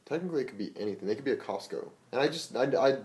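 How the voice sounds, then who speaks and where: A man's voice: mid-range voice, animated, very fast, darkish tone. A young man co-hosting a podcast in casual chat, rambling with frequent restarts and laughing easily. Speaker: podcast co-host.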